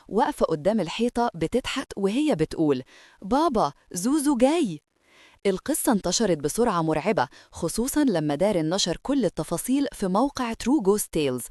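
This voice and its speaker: A woman's voice: mid-range voice, a little mellow, no room sound, clean studio sound. A woman with an Egyptian Arabic accent narrating a scripted horror story in a dramatic storytelling manner.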